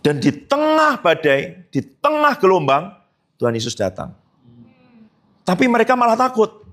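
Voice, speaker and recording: Male pastor, high lively voice, sermon with playful asides. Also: unhurried. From Indonesia. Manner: animated preaching with sudden high emphatic jumps and rhetorical questions; casual joking asides.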